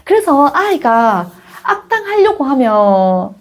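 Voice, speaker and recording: Middle-aged woman chatting about kids, bright higher voice, swoops up and down a lot, laughs easy. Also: slow. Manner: lively and expressive, informal speech, laughs often. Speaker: early childhood educator and channel host. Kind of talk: casual advice talk to a companion.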